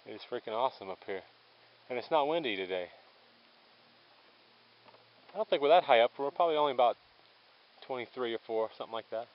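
On a forest trail, a thru-hiker vlogger narrates his long-distance hike, rambling easygoingly and thinking aloud as he walks. His mid-range voice is lively and fast, broken by long pauses. The handheld camera audio is dull and lo-fi, with faint outdoor noise.

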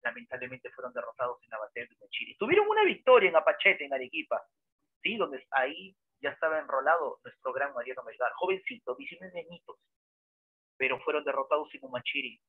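A man, a history teacher giving a lively lecture full of dramatic storytelling and rhetorical questions, heard over a tinny phone-like line. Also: a little high, fast talker, husky, dry recording. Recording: dry, tinny phone-like sound.

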